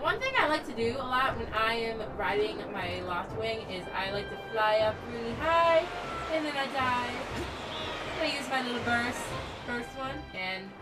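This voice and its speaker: A woman's voice: fairly high pitch, far from the mic, rough recording. A young woman hosting a let's play, chatting through her gameplay in a bubbly, giggly way over game music. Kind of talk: casual gameplay commentary. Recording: game music loud behind voice.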